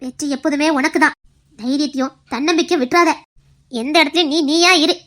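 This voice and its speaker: A woman's voice: high-pitched, fairly quick, fairly bright tone, pitched below the performer's own voice. A woman putting on a firm older mother-in-law. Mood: advising. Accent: Tirunelveli Tamil. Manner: firm, advising tone. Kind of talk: comic skit acting.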